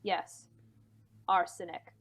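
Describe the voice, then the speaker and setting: In an old-time radio mystery, a woman plays a nervous, hesitant man who stammers as he confides his suspicion of a family murder. Her voice is close to everyday speech and slow-paced, the mood troubled and confiding, with a noisy background.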